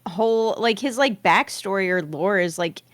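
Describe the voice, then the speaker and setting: A woman's voice: medium pitch, normal speed, no echo. A woman chatting casually as a guest on a stream, with an informal, rambling way of telling things. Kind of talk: casual chat.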